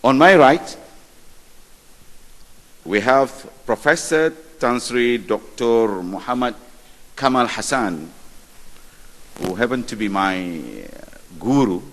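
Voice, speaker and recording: Slow, measured man moderating in a hall. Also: lowish voice, a bit bright. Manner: measured, with light asides. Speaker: session moderator. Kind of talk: formal conference moderation. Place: large conference hall. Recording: reverberant hall.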